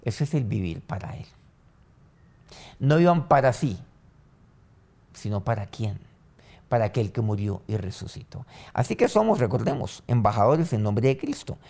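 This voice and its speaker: A man pastor preaching a sermon and leading a prayer, his voice swinging from loud rising lines to soft low ones. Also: vocal fry. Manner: preaching with sudden rises and soft drops.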